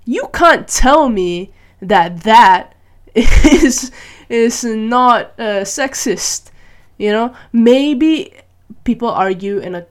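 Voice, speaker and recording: A Malaysian vlogger with a slightly high, expressive voice goes through her opinions very slowly in a casual solo monologue. She thinks out loud and asks herself questions, constantly checking in with "right?" and "you know?".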